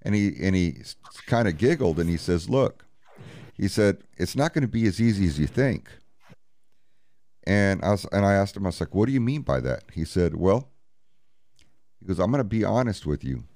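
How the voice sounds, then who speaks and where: A man's voice: sits low, lively intonation, a little fast, a little mellow, no echo. A man, a paranormal investigator, telling a story in an interview and bluntly acting out each exchange with "he goes" and "I said". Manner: blunt, profane, retells scenes with "he goes, I said".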